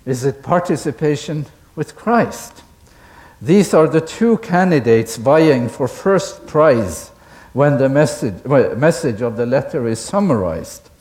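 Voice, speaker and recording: Man giving a deliberate academic lecture. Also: medium pitch, lively intonation, a little mellow. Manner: deliberate, asks the audience questions, chuckles at own asides.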